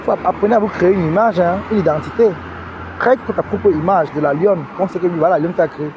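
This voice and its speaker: A man's voice: high voice, quick pace, dull audio. A man giving mocking commentary, scolding and teasing the person he talks to directly. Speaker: online commentator. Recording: wind noise and street sound.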